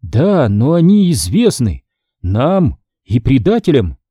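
A man voicing a tense woman navigator on the edge of losing control, talking urgently and sometimes shouting. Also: medium pitch, very animated, takes it slowly, slightly rough, dry recording, clean studio sound, exaggerated voice. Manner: urgent, strained, at times shouting. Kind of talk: audiobook character reading.

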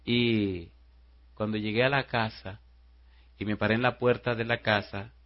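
A low-voiced man preaches a sermon to his congregation. He moves between hushed storytelling and loud, rising rhetorical questions. The recording sounds slightly dull and muffled. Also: steady tone, a little slow. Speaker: pastor.

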